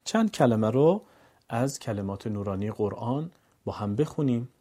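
Male Quran teacher, warm low-bright tone, patient lesson delivery, stretches syllables in drills. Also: animated. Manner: stretches example syllables slowly and chants them. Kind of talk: recorded lesson, calm explaining with drawn-out drills.

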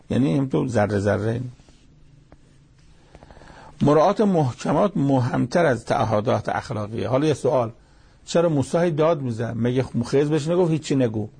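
A man's voice: mid-range voice, vocal fry, darkish tone, slightly rough. A man giving a religious lecture, explaining with everyday examples and quoting Arabic verses.

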